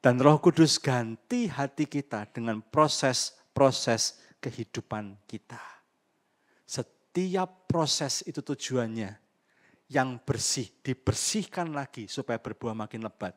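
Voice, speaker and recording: A man preaching in a church service, with a mid-pitched voice. He swings from loud bursts to quiet asides and speeds up and slows down. He keeps calling on the congregation to answer him. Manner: animated preaching with call-and-response. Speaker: pastor. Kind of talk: sermon.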